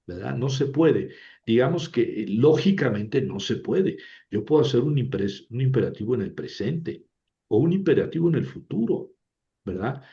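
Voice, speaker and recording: Warm and expressive with some vocal fry, a medium-pitched male teacher lectures through a language lesson at normal speed, patiently explaining and often asking "¿verdad?" The recording is dull and lo-fi.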